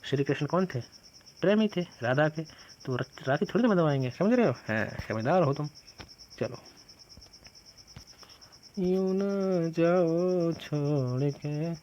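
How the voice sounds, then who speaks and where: A man's voice: a little high, big pitch swings, normal speed, darkish tone, dull audio, slight background noise. A male teacher running an exam-prep quiz lesson, playfully asking questions and answering them himself with jokey memory tricks, calling his students "bhaiya".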